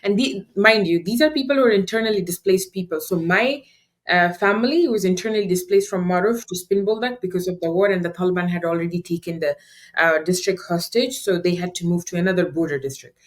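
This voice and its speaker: Animated young woman telling a story. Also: fairly low pitch. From Afghanistan. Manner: animated, quick, laughing often, acts out quotes. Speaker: guest, nonprofit founder. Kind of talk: conversational storytelling.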